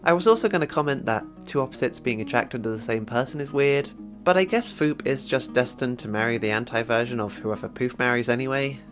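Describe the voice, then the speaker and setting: A man's voice: mid-range voice, fairly quick, a bit bright, soft background music. Man narrating a wry video essay. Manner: wry, chatty commentary.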